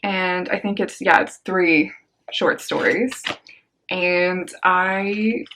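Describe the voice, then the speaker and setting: A young woman talks through her stack of new books in a relaxed, slangy way, full of quick asides. Her voice sits a bit low for a woman. It sounds like an easygoing vlog chat. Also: a little hiss or hum. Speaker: book vlogger. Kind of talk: casual book haul chat.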